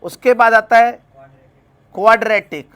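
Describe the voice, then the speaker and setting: A man's voice: very high voice, steady tone, a little slow, fairly bright tone, clear, resonant tone. A man teaching a math class, asking his students questions and then answering them himself. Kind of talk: classroom lecture.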